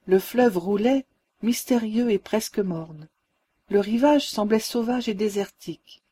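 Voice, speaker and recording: A woman reading a ghost story aloud as a calm, measured narrator. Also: medium pitch, husky. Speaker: audiobook reader. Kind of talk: scripted narration.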